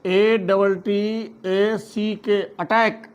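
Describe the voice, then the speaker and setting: A man teaching a phonics lesson, spelling words out letter by letter and then saying each one slowly. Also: sits high, flat delivery, clean tone. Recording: dull lo-fi recording.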